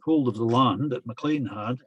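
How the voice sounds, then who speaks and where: A man giving a lecture that retells traditional tales, speaking in a halting, deliberate way. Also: mid-range voice, breathy edge, highs cut off.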